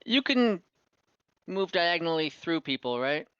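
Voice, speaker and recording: Speaking in an unhurried, very animated way, this game master has a medium-pitched, smooth voice with a fairly bright tone. He is running a tabletop game on an online voice call from a room, improvising narration and thinking aloud with hesitation. The audio is muffled and echoey.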